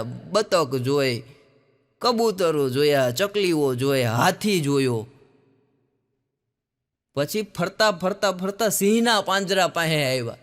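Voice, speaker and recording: A man's voice: sits high, pushed and bright. A male stand-up comedian with a Kathiawari Gujarati accent, telling jokes on stage and putting on other people's voices.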